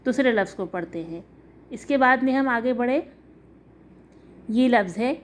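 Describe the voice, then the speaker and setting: A woman teaches an online lesson. She works patiently through each example, spelling out letters and their sounds slowly so students can follow. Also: a little high. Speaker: Quran reading teacher.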